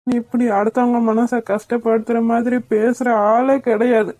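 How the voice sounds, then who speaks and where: A woman's voice: on the high side, little pitch movement, moderate pace, mellow, dry recording, natural voice. A woman voicing a persistent young man in a cartoon, teasing and puzzled by his beloved. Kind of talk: cartoon voice acting.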